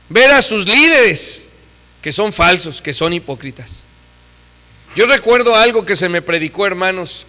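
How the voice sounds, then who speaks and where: A man delivers a sermon in a high, bright voice. He is emphatic, acts out the people he quotes, and swings between loud and soft passages. The church around him adds a long reverb. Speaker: preacher.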